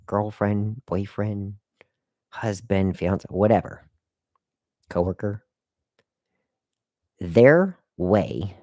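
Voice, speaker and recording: Man, casual live-stream talk, rambling and repetitive, low voice, dry close sound. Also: dark tone, dry recording. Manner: rambling, repeats himself, talks straight to the chat; hiccuping and burping at times. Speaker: live-stream host giving airport career advice.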